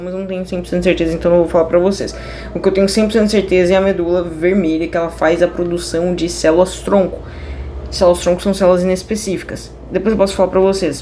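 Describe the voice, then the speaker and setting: A woman's voice: lowish voice, dark tone, a little hiss or hum. A woman teaching a class in a casual, chatty way, drifting off topic and correcting herself with many fillers. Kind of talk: casual online class explanation.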